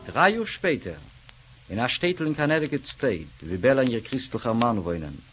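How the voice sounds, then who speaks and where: A man narrating a radio drama in a measured storytelling manner. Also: mid-range voice, very animated, music in the background, poor audio. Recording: hissy old radio recording.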